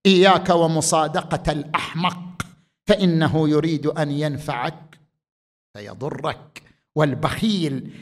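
A man delivering a religious lecture, moving from quiet talk to loud, emphatic declaiming. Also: a little high. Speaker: preacher.

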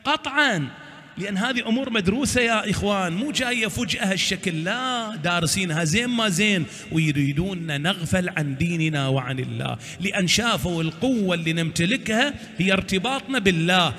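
A man's voice: high-pitched, animated, fairly quick, pushed and bright, big-room sound. A man preaching a sermon, exhorting his listeners and answering his own rhetorical questions.

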